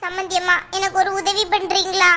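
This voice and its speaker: A woman's voice: very high-pitched, monotone, brisk, pushed and bright, a little hiss or hum. A woman voicing a worried middle-aged mother of the bride in a cartoon, pleading and plaintive. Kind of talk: cartoon voice acting.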